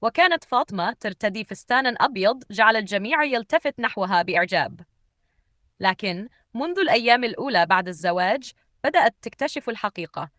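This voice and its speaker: A woman narrating a scripted story in a calm, measured way. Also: mid-range voice, dry recording, clean studio sound.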